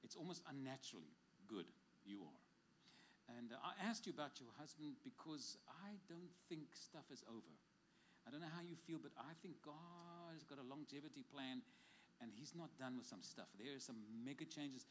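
A man's voice: mid-range voice, animated, normal speed, a little hiss or hum. A man ministering as a pastor in a church service, speaking emphatically with joking asides. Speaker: pastor giving prophetic words. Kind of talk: prophetic ministry to congregation.

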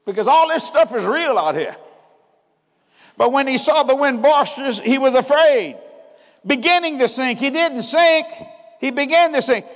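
High-voiced man in a hall. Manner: preaching with call-and-response emphasis. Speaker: preacher. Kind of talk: sermon.

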